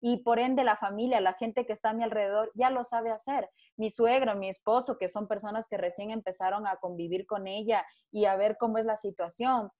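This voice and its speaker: A woman's voice: mid-range voice, steady tone, a little fast, hardly any pauses, darkish tone. A woman from Ecuador, a guest on a panel talk, speaking earnestly and telling a story with frequent restarts.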